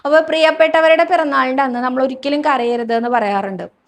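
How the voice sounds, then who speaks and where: A woman hosting a devotional talk, answering viewers' questions and telling personal stories in a soft, reassuring way. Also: high-pitched, fairly quick. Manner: soft, reassuring, often ends sentences with a friendly tag.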